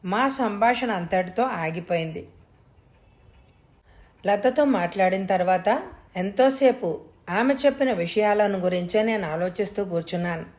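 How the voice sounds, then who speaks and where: A woman narrating a suspense story in the first person with a measured, steady manner. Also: medium pitch.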